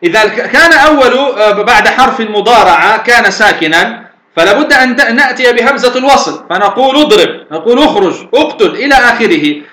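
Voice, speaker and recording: A man with a high, bright, forceful voice gives a lecture, explaining patiently and asking himself questions before answering them. The sound carries a clear echo, as if recorded in a reverberant room. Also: expressive, brisk. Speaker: sheikh teaching Arabic morphology. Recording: echoey room.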